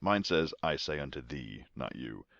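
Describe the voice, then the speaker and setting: A man with a very low voice that swings widely in pitch, talking casually and sarcastically on a podcast. He reads verses slowly in a mock-solemn tone. The recording is dry and a bit dull, lo-fi. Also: lively intonation, creaky, a bit bright, a little hiss or hum. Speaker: podcast co-host reading scripture. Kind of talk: casual comedic chat and scripture reading.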